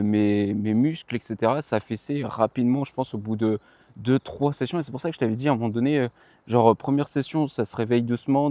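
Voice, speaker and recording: A man's voice: medium pitch, mellow, no echo. Tired young guy rambling on his running vlog, slangy, keeps fixing his words, dry sound. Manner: rambling, self-correcting, slangy. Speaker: running vlogger. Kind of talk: casual vlog chat to the viewer. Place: outdoors.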